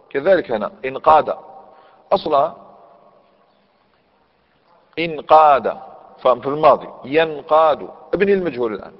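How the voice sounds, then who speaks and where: A man with an Algerian Arabic accent teaches a classical grammar lesson at a middle pitch. He works through the rules step by step and keeps asking his listeners whether they have understood. The recording is dull and lo-fi, with a long echo from a large hall. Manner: explanatory, checks understanding with quick questions. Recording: echoey hall, dull lo-fi sound.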